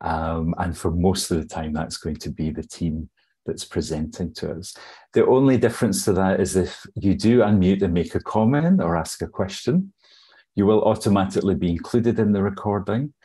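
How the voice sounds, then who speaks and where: A man's voice: sits low, moderate pace, mellow, breathy edge. A Scottish man hosting an online workshop on a video call, friendly and hesitant with fillers as he runs through housekeeping. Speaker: host. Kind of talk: webinar housekeeping.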